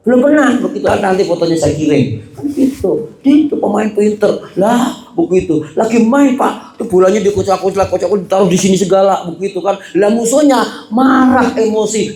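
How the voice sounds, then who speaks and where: A man's voice: high voice, darkish tone. A man preaching a casual study sermon, chatting the audience, asking them questions and saying "gitu" and "begitu" again and again. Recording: roomy hall echo.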